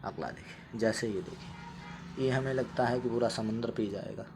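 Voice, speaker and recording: A man teaching vocabulary with memory tricks, playful and animated, acting out little scenes and answering for his students. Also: fairly low pitch, moderate pace, creaky, noisy background.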